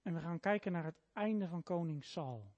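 A man preaching a sermon and reading aloud from Scripture, leaning on key words and sinking low on them. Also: expressive, darkish tone, no echo, highs cut off. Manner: emphatic, slows and drops low on key words.

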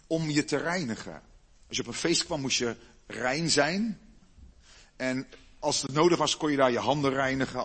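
A man's voice: on the high side, a bit bright, slightly rough. A man preaching a sermon, retelling a Bible story for a congregation with children in a storytelling manner that rises to emphatic bursts.

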